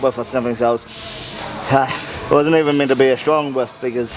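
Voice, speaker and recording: A man with a gravelly voice talking bluntly and with plenty of swearing in a casual gym vlog between heavy lifts as he is lifting weights. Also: medium pitch, steady tone, moderate pace, over music, rough recording. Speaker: strength vlogger.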